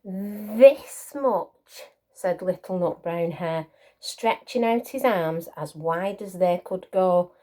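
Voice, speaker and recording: A woman's voice: lowish voice, takes it slowly, warm tone. A woman reading a picture book to young children, with encouraging asides and questions to her listeners. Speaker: children's storyteller.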